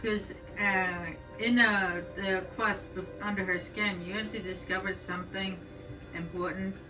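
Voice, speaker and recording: A woman's voice: mid-range voice, steady tone, unhurried, recorded from a distance, low-quality recording. A woman giving casual, rambling gameplay commentary as host of a video game walkthrough. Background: video game music.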